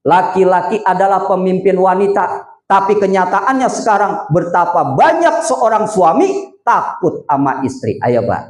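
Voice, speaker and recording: A man's voice: high-pitched, sing-song, measured pace. A man preaching a humorous wedding sermon, telling a story and quizzing the crowd. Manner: joking storyteller, asks the crowd questions. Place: hall with audience. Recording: echoey hall.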